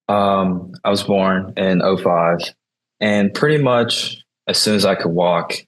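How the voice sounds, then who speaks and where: Young man, deep and flat-voiced. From South Korea. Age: about 20. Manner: soft-spoken, hesitant with many uhs and restarts. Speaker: college baseball player, guest. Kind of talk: casual interview answers.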